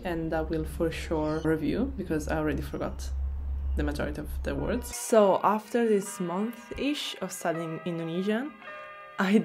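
In a small room, a young woman with an Italian accent talks casually to the camera about learning a language. She's chatty and expressive, laughs easily, and has a fairly low voice.

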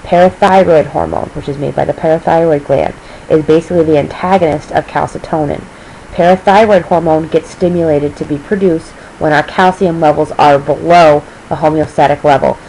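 A woman teaching a recorded review lesson, her voice sitting low. She is losing her voice as she explains step by step, checking in with a quick "okay?". Faint noise hums under the recording. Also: steady tone, warm tone, poor audio.

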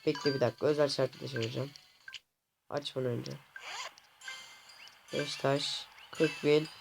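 A man talking through a video game at his computer in an easygoing, chatty way, addressing his viewers directly. He keeps slipping into exasperated complaints and loud exclamations at what the game hands him, with an average pitch. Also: steady tone, moderate pace, vocal fry, over music. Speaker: gaming channel host. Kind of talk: casual gameplay commentary.

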